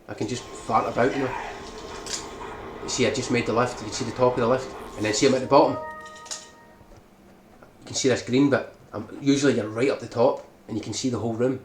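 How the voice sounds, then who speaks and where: In an echoey room full of background noise, a man narrates a game tutorial on a speedrun strategy, explaining as he goes and repeatedly checking in with "right?". His medium-pitched voice is steady and fairly quick, with frequent pauses.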